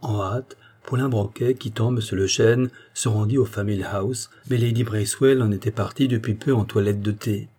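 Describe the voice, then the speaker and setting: A man narrating an audiobook in a measured, even way. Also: fairly low pitch, breathy edge. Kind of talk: scripted narration.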